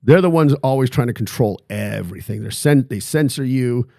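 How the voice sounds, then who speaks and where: A man hosts a casual interview podcast and teases his guest with joking questions. His voice sits at a middle pitch. The sound is dry, with no room echo. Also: moderate pace, dark tone. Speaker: podcast host.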